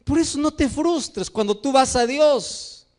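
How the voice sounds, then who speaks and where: A man preaching a sermon as pastor, animated, acting out the voices in his stories. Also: very high-pitched, unhurried. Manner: animated preaching, acts out dialogues in story.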